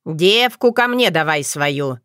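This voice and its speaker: A woman's voice: low voice, animated, takes it slowly, a bit bright, no echo, clean studio sound, exaggerated voice. A woman voicing a playful, bossy old witch grandmother who talks in a teasing, folksy way.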